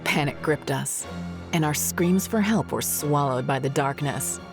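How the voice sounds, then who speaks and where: A woman narrating a scary story in a measured, ominous storytelling manner. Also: low-pitched, music in the background. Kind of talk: scripted horror narration.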